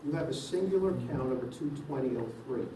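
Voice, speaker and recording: A man serving as judge speaks in a brisk, firm, procedural way. He is picked up from far off in a roomy, echoey courtroom. Steady background noise runs under him. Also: mid-range voice.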